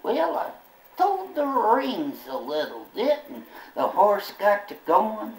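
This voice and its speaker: A man's voice: sits high, wildly swooping pitch, takes it slowly, darkish tone, slight background noise, exaggerated voice. A ventriloquist man voicing a bumbling, folksy old male bird puppet who rambles in country talk. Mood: rambling. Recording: roomy echo, from far off.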